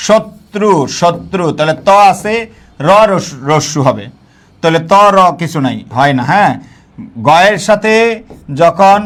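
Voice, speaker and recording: A male teacher leads a live online grammar lesson in a slightly high voice. He drills points by repeating them and keeps asking his students questions. His talk is colloquial, sprinkled with English words. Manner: repeats key points and quizzes the class.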